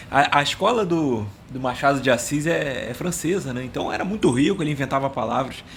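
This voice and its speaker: A man's voice: mid-range voice, animated, a little fast, creaky, a bit bright, slight background noise. A man hosting a casual comedic language video. He rambles, mocks himself, and keeps stumbling over words he can't remember. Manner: rambling, self-mocking, stumbles and searches for words.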